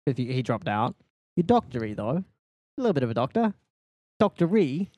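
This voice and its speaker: A man's voice: mid-range voice, big pitch swings, a little fast, a little mellow, no room sound. A man co-hosting a casual podcast, rambling and joking, swearing freely. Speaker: podcast co-host. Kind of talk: casual chat.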